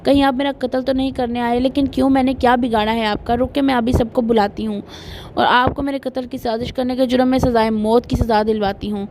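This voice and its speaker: A woman's voice: fairly high pitch, fairly even intonation, darkish tone, slight background noise, close to an everyday voice. A woman reading the part of an emotional young bride who is hurt, stubborn and pleading through tears. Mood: startled, indignant. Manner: pleading, tearful outbursts.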